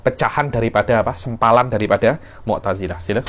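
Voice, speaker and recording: A man's voice: lowish voice, quick pace, fairly bright tone. A man teaching Islamic legal theory in a class, explaining the text and acting out short examples. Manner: explains in a mix of Malay and Arabic terms, with acted examples.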